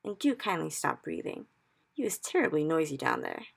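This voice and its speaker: Here the woman's giant is heavily acted in a low, gravelly, sing-song voice with a breathy edge, at normal speed. The big, friendly fellow is earnest, tumbling through ungrammatical invented words and loud, anguished exclamations about a nightmare he has caught.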